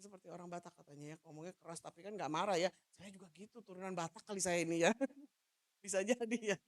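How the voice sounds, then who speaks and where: A woman pastor from Manado giving a loud, animated sermon, joking with the congregation and moving about as she preaches. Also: fairly low pitch, fast. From Manado, Indonesia. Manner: jokes with the congregation. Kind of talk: lively sermon.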